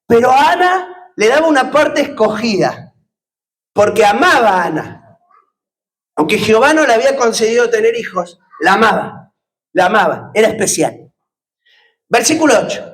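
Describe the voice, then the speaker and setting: A man's voice: very high voice, rough recording. A man preaching a sermon, putting questions to the congregation and joking with them. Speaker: pastor.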